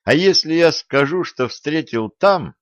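A man voicing a wry, weary wounded sorcerer who speaks hoarsely. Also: on the high side, lively intonation, measured pace, no room sound, highs cut off, pitched above the performer's own voice.

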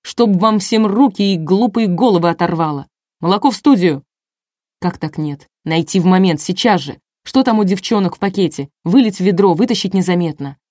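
A woman reading an audiobook, voicing an angry male TV director who yells orders and curses. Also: fairly low pitch, fairly quick, few pauses, no room sound, clean studio sound, close to an everyday voice. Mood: furious. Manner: yelling orders, cursing.

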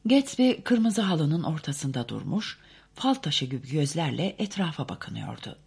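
A woman narrating a novel as an audiobook, measured and expressive. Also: low-pitched, vocal fry, slightly rough.

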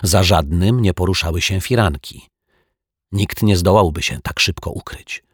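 A man narrating a children's storybook in a measured, expressive manner. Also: sits low, slightly rough, dry recording, clean studio sound. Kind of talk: storybook reading.

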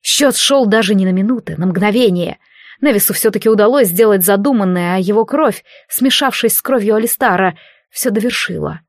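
A woman's voice: medium pitch, no echo, clean studio sound. Woman narrating a dramatic audiobook. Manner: measured, dramatic reading.

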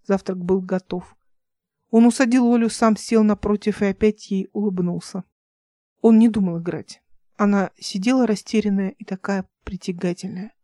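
Mellow-voiced woman narrating an audiobook. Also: mid-range voice, fairly even intonation, normal speed, no echo, studio quality.

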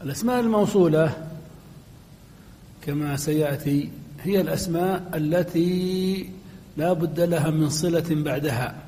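A male teacher giving a recorded lecture, spelling out his examples slowly and with care. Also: a little high, warm tone, long reverb tail, a little hiss or hum. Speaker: grammar teacher.

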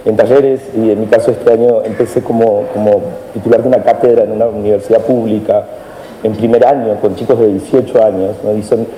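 A lecturer with an Argentine accent thinks aloud on a panel, speaking discursively and often adding tag questions. His fairly low voice is dark, steady, and brisk. The reflective talk is captured in an echoey hall with faint noise.

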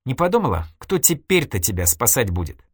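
A man's voice: medium pitch, big pitch swings, fairly quick, breathy edge, dry recording, studio quality, pitched above the performer's own voice. A man reading an audiobook, voicing a shaken woman who reproaches a friend. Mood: reproachful. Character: shaken woman facing her friend the killer.

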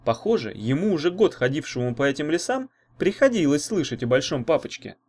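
A man narrating a children's fantasy audiobook in an expressive manner. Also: a little high, a little fast. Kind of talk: storytelling narration.

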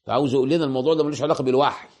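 Egyptian man preaching, rapid gravelly delivery, repeats himself for emphasis. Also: mid-range voice, darkish tone. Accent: Egyptian Arabic. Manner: rhetorical questions and emphatic repetition. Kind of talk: colloquial religious lecture.

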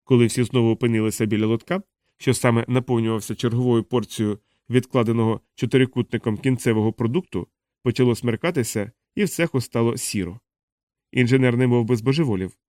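A male audiobook narrator reads a novel in a measured, even way. His voice is warm and mellow at a middle pitch, and the recording is dry and close. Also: no room sound. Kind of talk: scripted narration.

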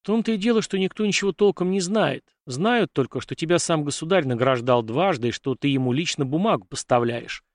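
A man voicing a patient middle-aged gentleman uncle who explains things carefully, in a storybook reading. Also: a little high, animated, fairly quick, few pauses, no room sound, studio quality, pitched above the performer's own voice. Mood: explaining.

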